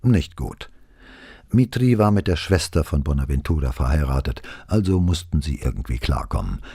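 Give me a man playing a nervous, evasive foreman in an audiobook, lively in pitch. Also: moderate pace, breathy edge, no room sound, studio quality, full character voice. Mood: uneasy. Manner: uneasy, evasive. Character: nervous working-class male foreman under questioning.

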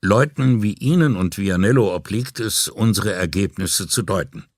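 A man's voice: on the low side, normal speed, no echo, studio quality, natural voice. A man voicing a stiff, dutiful male police forensics chief in an audiobook, speaking formally and with reserve.

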